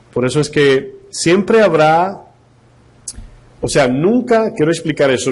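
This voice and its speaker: Husky-voiced preaching pastor, animated. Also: male voice, medium pitch. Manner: animated preaching with rhetorical questions to the congregation. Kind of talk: sermon.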